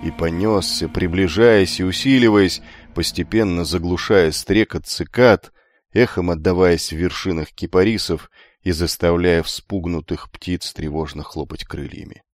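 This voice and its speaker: A man narrating an audiobook in a measured, dramatic storytelling manner. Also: deep voice, dry recording.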